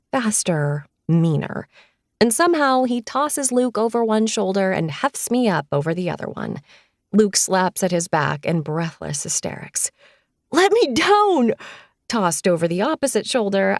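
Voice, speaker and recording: A woman narrating a first-person romance audiobook in a playful, expressive way. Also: mid-range voice, gravelly, no room sound, clean studio sound.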